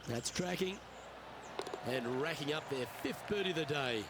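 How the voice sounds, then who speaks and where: A man's voice: on the high side, animated, moderate pace, very noisy. A man playing a composed, upbeat TV-style lead golf commentator for a video game. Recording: crowd and music behind.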